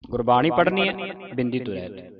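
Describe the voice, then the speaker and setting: A man teaching a class how to pronounce scripture. He recites slowly, syllable by syllable, corrects common mistakes and keeps checking that the class understands. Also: medium pitch, sing-song, a crowd in the background. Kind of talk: pronunciation lesson. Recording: dull lo-fi sound with a class answering.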